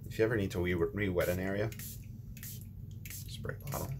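Sitting at his painting table, a very low-voiced man hosts a casual watercolor tutorial, relaxed and unhurried, thinking aloud with ums and correcting himself. A steady room noise hums in the background.

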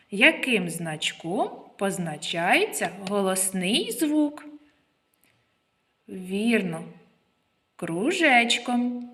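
Slow sing-song woman teacher. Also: medium pitch, fairly bright tone. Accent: Ukrainian. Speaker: kindergarten teacher. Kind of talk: online literacy lesson for young children.

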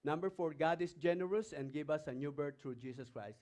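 A fairly high-pitched, slightly mellow male voice moves along fairly quickly as a Filipino pastor preaches. The man, from the Philippines, reads scripture passages aloud between remarks and puts emphatic questions to his congregation.

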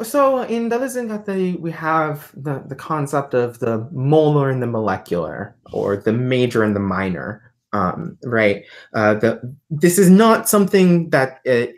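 A woman guest on a livestream, explaining ideas thoughtfully with many fillers and restarts. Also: sits low. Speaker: guest, artist and philosophy tutor. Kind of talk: livestream conversation.

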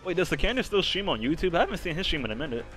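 A young man streaming a fighting game, chatting loosely with his chat and reacting loudly to the fights. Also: on the high side, very animated, racing, soft background music. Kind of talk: casual live-stream commentary while gaming.

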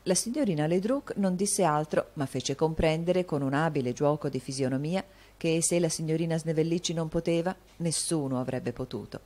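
A woman narrating an audiobook with a steady storytelling delivery. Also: sits low, normal speed. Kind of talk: scripted narration.

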